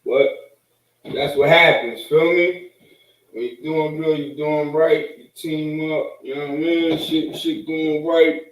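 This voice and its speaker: A man's voice: fairly high pitch, steady tone, takes it slowly. A man chatting casually in a rambling, repetitive stoner way, with slangy, profane street talk. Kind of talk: casual chat. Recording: echoey room, distant microphone.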